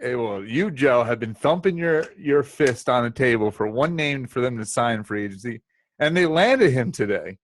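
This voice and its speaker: A man's voice: mid-range voice, lively intonation, normal speed, slight background noise. A man co-hosting a casual sports podcast, ribbing the others and laughing often. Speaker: podcast co-host.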